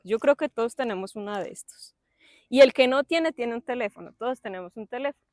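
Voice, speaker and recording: At a church service, a young adult woman delivers a lively, chatty sermon full of playful asides, acting out the voices of her listeners. Her voice sits on the high side, and the recording is dry.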